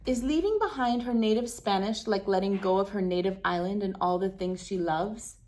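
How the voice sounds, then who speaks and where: Narrating for children, a woman hosts a read-aloud with expressive, deliberate phrasing in a medium-pitched voice.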